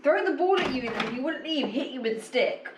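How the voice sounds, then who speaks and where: A woman chatting casually, quick and a little squeamish, in a home vlog. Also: high voice, expressive, echoey room, noisy background. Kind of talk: casual chat.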